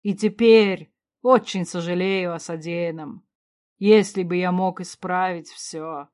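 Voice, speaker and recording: A woman's voice: lowish voice, steady tone. Woman reading as an older remorseful king. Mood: remorseful, muddled. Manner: slow, loud, mumbling. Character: older king father, remorseful, confused, stern.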